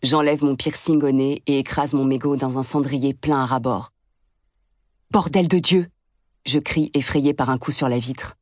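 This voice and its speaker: A woman's voice: extremely low pitch, flat delivery, normal speed, few pauses, a little mellow, no echo, studio quality. A woman reading an audiobook as a blunt, sardonic first-person narrator.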